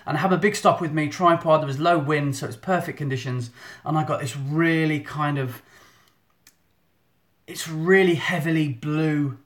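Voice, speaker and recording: A man's voice: fairly high pitch, moderate pace. A photographer hosting a live Q&A on his phone, chatty and self-deprecating, with lots of restarts. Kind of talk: live stream Q&A chat. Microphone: phone in selfie mode.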